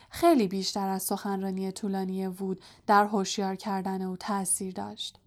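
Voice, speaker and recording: A woman narrating an audiobook in a calm, soft storytelling voice. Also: medium pitch. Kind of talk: scripted narration.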